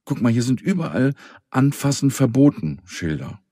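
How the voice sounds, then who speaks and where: A man voicing a kind, lively little girl in a children's story, speaking earnestly and coaxingly. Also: mid-range voice, moderate pace, slightly rough, no echo, studio quality, pitched above the performer's own voice. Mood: gentle.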